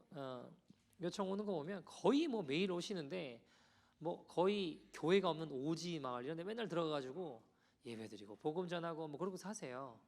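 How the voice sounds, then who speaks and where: Higher-voiced Korean pastor preaching. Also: male voice, vocal fry. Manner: conversational preaching, animated storytelling with quoted voices. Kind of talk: sermon. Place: church sanctuary.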